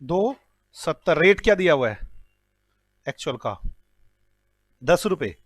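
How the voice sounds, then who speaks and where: A man's voice: fairly high pitch, sing-song, takes it slowly, no room sound. A man teaching a class, working through sums aloud and joking with his students as he goes. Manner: teasing, joking with students while calculating aloud; mixes English numbers into Hindi speech. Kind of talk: classroom lecture solving problems.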